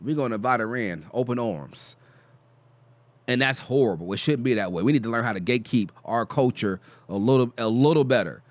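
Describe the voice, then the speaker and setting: A man co-hosting a reaction video, talking in animated slang with laughs in casual commentary. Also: medium pitch, fairly quick, no room sound.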